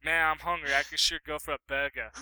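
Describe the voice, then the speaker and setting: A man putting on a slow, drawling Boston accent as a tough guy, joking. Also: fairly high pitch, level tone, sharp tone, clean tone, no echo. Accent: Boston put on.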